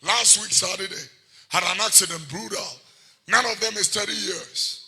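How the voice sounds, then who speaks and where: A man with a Ghanaian accent preaching a fiery, wrathful sermon to a congregation, admonishing them, repeating phrases for emphasis and bursting into shouts. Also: high voice, moderate pace. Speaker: preacher, prophet.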